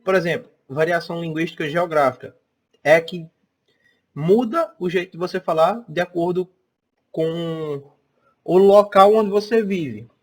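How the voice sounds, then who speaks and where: A man's voice: a little high, a little slow. Northeastern Brazilian male teacher, chatty. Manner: chatty, checks in often with "tá?" and "né?". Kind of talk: recorded online class.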